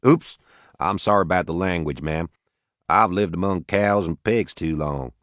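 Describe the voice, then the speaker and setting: A man's voice: deep voice, moderate pace, a bit bright, no echo, clean studio sound. A male narrator voicing a blunt, crude farmer from the rural American South, with a Southern accent, curse words and all. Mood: folksy. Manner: crude, blunt, folksy cursing.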